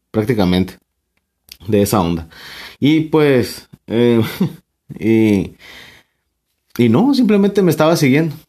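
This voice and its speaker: A man's voice: medium pitch, darkish tone. A Mexican man spinning a casual personal anecdote, his talk full of fillers, repeated words and easy laughter. He swears freely and circles back on his own sentences as he tells it. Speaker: storyteller.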